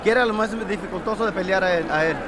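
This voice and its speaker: A man's voice: sits high, racing. A man interpreting live, turn by turn, in a post-fight interview. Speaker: Spanish-English interpreter. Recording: very loud arena crowd, noisy.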